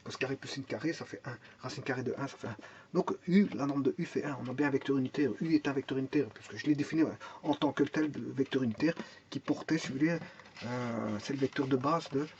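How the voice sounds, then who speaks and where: A man's voice: mid-range voice, quick pace, darkish tone, highs cut off, slight background noise. A man teaching a math and physics lesson, explaining step by step, thinking aloud, repeating words and restarting often, and asking and answering his own questions.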